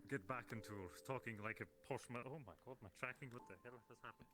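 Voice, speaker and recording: A man in casual out-of-character chat with fellow role-players, quick and self-mocking, swearing freely. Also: mid-range voice, sharp tone, faint music behind.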